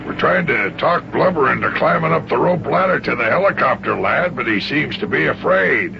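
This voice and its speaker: A man playing a gruff but genial old sea captain with a gravelly, folksy voice in a children's radio serial. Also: on the high side, expressive, moderate pace. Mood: teasing, gruff. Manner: folksy, teasing, nautical. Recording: noisy, muffled old radio recording.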